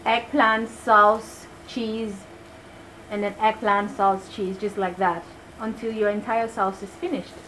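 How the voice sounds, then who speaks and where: This vlog host, a young woman, gives casual commentary to camera while cooking indoors in a small home kitchen, chatty and enthusiastic as she goes step by step. Her mid-range voice is a bit bright but delivered flatly and a little slowly. Recorded on a camera mic, the low-quality audio clearly picks up kitchen noise and cooking ambience.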